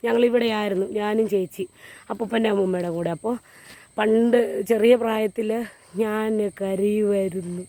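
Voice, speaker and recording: A woman's voice: mid-range voice, dark tone. A woman from Kerala, talking casually to a handheld phone camera outdoors on a hill while she walks uphill. Her talk is chatty and meandering, full of fillers. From Kerala, India. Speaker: vlogger. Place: outdoors on a hill beside a water tank.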